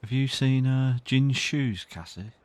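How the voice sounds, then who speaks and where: A man chatting in character during an online role-play game, polite and halting, with many fillers, speaking into a computer mic. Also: medium pitch, darkish tone. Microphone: desk or headset mic at a computer.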